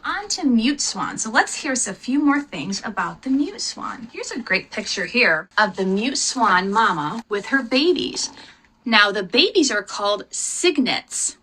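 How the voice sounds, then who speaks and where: A homeschool teacher hosts a live lesson for children, explaining instructively, spelling out words and addressing her viewers directly. Her voice is a little high, bright and forceful, slightly rough, and the recording is rough too.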